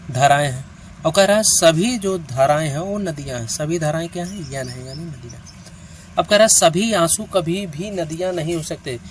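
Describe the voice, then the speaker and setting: A man's voice: fairly high pitch, slight background noise. A male teacher giving an online reasoning lesson. He counts out each step aloud and keeps checking that the listener follows. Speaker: reasoning teacher for competitive exams.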